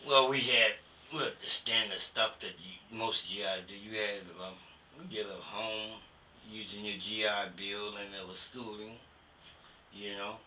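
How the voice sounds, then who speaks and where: A man's voice: fairly low pitch, fairly even intonation, a little slow, pushed and bright, poor audio. An older American man, a veteran looking back in a conversational interview, speaking bluntly and colloquially with emphatic opinions. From United States. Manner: colloquial, emphatic, punctuated with "you know". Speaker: interviewee, Vietnam War veteran. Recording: faint background noise.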